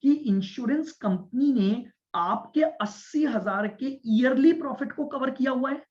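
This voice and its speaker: A man's voice: extremely high pitch, a little mellow. A man teaching a commerce class, explaining step by step, repeating his points and checking whether the students follow. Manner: speaks deliberately and stresses listening. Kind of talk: classroom lecture. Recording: dull lo-fi lecture recording.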